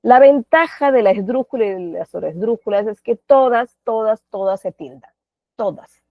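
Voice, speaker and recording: A woman's voice: fairly high pitch, expressive, normal speed, dry recording. A Peruvian woman teaching an online class, patient, often asking the class questions and adding tag questions. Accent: Peruvian Spanish. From Peru. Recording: dry, phone-like audio.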